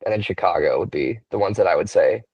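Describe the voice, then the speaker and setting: A young man in his twenties, a wrestler, answering interview questions in a relaxed way, thinking aloud with many fillers and restarts. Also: sits low, quick pace, breathy edge, no echo, highs cut off. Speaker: wrestler, podcast guest.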